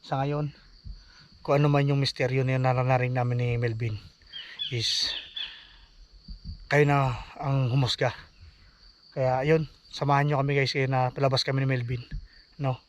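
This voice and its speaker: A man's voice: mid-range voice, little pitch movement, normal speed, pauses often. Uneasy man vlogging outdoors on a phone. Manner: hushed, uneasy, urging to leave. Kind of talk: casual vlog narration. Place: outdoors near a forest. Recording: dull lo-fi phone audio with outdoor noise.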